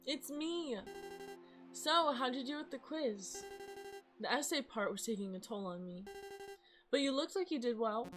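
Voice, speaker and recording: A woman's voice: sits high, lively intonation, a little slow, long pauses, a bit bright, soft background music. A woman voicing a friendly, chatty young female classmate, reading game dialogue aloud cheerfully and eagerly.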